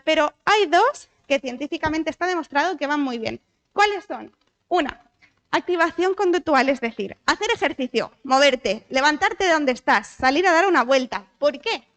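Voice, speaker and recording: A woman's voice: high voice, moderate pace. A woman from Spain, a psychologist, giving a conversational talk in a church, often asking the audience questions. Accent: Spanish from Spain. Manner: lively, asks the audience questions, frequent tag questions. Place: church hall.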